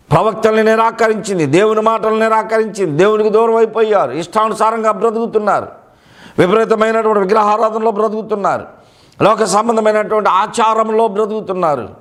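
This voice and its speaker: A male pastor delivers a sermon in a notably high voice. He is emphatic and repeats key phrases to drive them home. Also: brisk.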